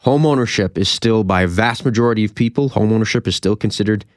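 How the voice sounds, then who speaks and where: A man's voice: fairly low pitch, quick pace, dry recording. A man co-hosting a radio show, chatty and wisecracking in the studio. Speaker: radio host. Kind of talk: casual radio banter.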